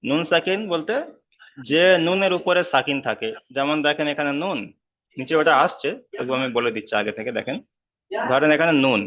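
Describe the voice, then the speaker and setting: Patient man teaching letters slowly. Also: a little high. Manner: patient, repeats each sound slowly. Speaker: Quran reading teacher. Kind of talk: online class instruction. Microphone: video call. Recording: slightly dull online call audio.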